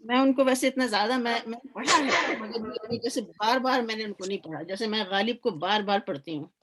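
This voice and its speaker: A woman's voice: fairly high pitch, brisk, fairly bright tone, slight background noise. Reflective woman recalling old poetry evenings. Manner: reflective, nostalgic. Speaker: guest at a poetry gathering. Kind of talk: reminiscing and quoting couplets.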